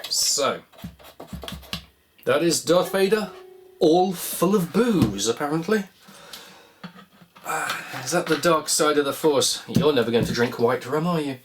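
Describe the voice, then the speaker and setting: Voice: mid-range voice, animated, a little slow, long pauses, slight background noise. A vlog host giving casual hands-on repair commentary, musing wryly and asking themselves questions in a rambling way. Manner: rambling, wry musing with self-directed questions.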